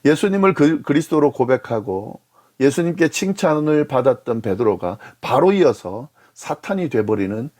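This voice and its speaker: A man's voice: mid-range voice, lively intonation, normal speed, a little mellow. A pastor explaining scripture verse by verse at an early morning prayer service, raising his emphasis on key points.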